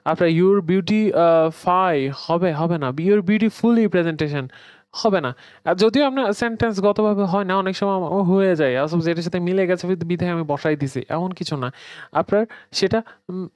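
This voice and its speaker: Man from Bangladesh, grammar teacher, conversational, slightly high voice, smooth, dry close sound. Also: moderate pace, darkish tone, no echo. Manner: conversational, mixing English words into explanations. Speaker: English teacher. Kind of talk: online grammar lesson.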